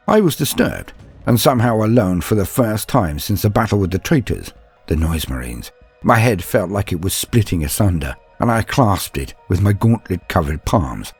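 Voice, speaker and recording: A man performs a full character voice as an earnest, bulky young warrior-psyker narrating his own story in a dramatic first-person telling. His low, husky, darkish voice swells and drops dramatically, with solemn, formal, deliberate phrasing.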